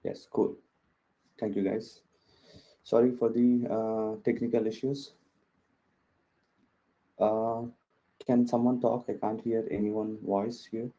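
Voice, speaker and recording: A man hosting a webinar on a video call, speaking haltingly with many fillers while he checks whether people can hear him. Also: on the low side, little pitch movement, mellow, low-quality recording. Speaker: webinar host. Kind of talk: casual webinar setup chat. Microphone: computer mic on video call.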